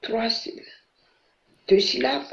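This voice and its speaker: A woman's voice: on the high side, takes it slowly, vocal fry. A woman answering as a student in class, hesitant and repeating herself. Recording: roomy, dull lo-fi sound.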